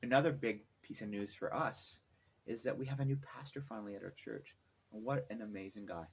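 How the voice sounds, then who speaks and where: Middle-aged man chatting, low-key noisy recording. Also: fairly quick. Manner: rambling, thinking aloud. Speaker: vlogger, musician. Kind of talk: casual chatty vlog. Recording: noticeable background noise, ambience.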